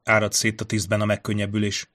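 A man narrating a fantasy audiobook in a steady storytelling manner. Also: fairly low pitch.

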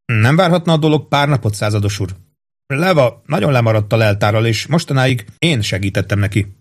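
A man's voice: medium pitch, lively intonation. A man reading an audiobook, voicing a stubborn army first sergeant who answers in a clipped, dry, grudgingly obedient way.

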